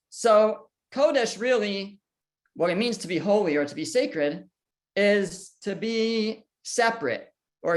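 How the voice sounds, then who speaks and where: Man teaching a class, asking questions. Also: high-pitched. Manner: asks the listeners questions and answers them, with small restarts. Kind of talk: explanatory lecture.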